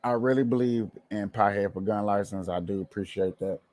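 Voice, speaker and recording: A man's voice: on the low side, fairly quick, darkish tone, no room sound. Opinionated man livestreaming, dry close sound. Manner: opinionated, colloquial, repeats phrases for emphasis. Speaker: livestream host. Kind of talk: casual political commentary to viewers.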